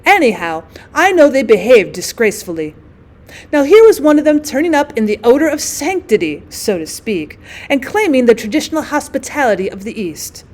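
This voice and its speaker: A woman reader acts out a genteel society lady from a classic short story, haughty, drily witty and indignant. Her fairly high, slightly mellow voice is sing-song, rising and dipping freely at a moderate pace as she recounts her grievances with wordy emphasis.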